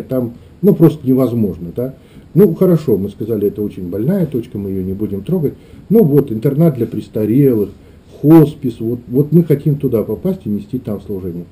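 A middle-aged clergyman with a mellow, mid-range voice gives reflective answers in an interview, often searching for his words. He's indoors in a small meeting room.

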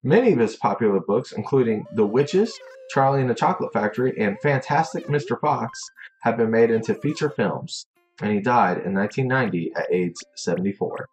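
A man's voice: medium pitch, expressive, brisk, a little mellow, faint music behind. A man co-hosting a game let's play, chatting casually, reading trivia aloud and swearing now and then. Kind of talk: casual chat over gameplay.

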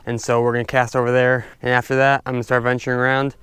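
Young man, fishing vlog, outdoor lake, action camera mic, flat even delivery, very clear voice. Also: mid-range voice, fast, no echo. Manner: excited, chatty, talks to viewers as guys. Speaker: fishing vlogger. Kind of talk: casual outdoor commentary. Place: stand-up paddleboard on a lake, outdoors. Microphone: head-mounted action camera.

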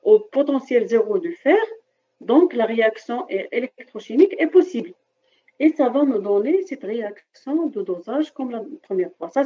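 Husky Moroccan woman teaching chemistry online. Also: fairly high pitch. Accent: Moroccan French. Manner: explains step by step and keeps asking "d'accord?". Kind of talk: online class lecture. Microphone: computer mic on a video call. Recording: dull lo-fi video-call audio.

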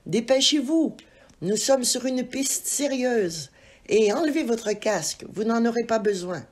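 A brisk, commanding male police commissioner who barks orders, as a woman reading a storybook puts him on. Her voice is husky and breathy, and it moves through a wide, lively pitch range. The delivery keeps a storybook's unhurried pace. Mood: urgent.

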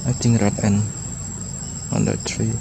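A man filming in a forest and talking over the footage, in simple, slow English. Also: on the low side, flat delivery, gravelly. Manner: simple non-native English phrasing, slow and soft-spoken. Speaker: wildlife vlogger filming monkeys. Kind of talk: casual commentary while filming. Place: outdoors in a forest under trees. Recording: outdoor camera audio with forest insect noise.

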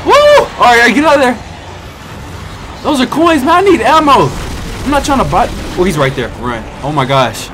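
Animated, high-voiced young American man gaming. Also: normal speed, noisy background. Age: young adult. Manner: reactive, trash-talking the game. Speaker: gaming video host. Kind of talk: excitable gameplay commentary. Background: game music and sounds.

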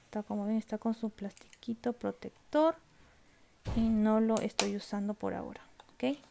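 A creaky, medium-pitched voice at a moderate pace belongs to a beauty vlogger showing her makeup at home, with noise in the background. She chats casually, checks in with viewers often, and occasionally drops to a whisper.

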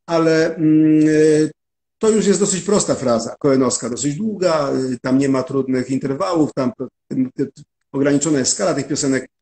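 Guy with a slightly high voice, walking through his process step by step in an interview. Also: darkish tone. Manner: methodical, explanatory. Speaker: interview guest, musical translator. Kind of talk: interview answers.

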